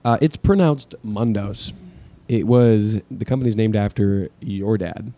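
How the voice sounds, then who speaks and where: Dark-voiced young man with deadpan humor. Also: fairly low pitch, a little slow. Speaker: podcast co-host. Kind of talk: casual chat.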